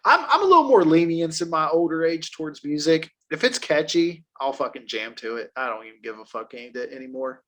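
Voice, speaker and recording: Excitable man telling a tale. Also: a little high, fairly quick, hardly any pauses. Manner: storytelling, swearing, laughing. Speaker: podcast co-host. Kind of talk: casual podcast chat.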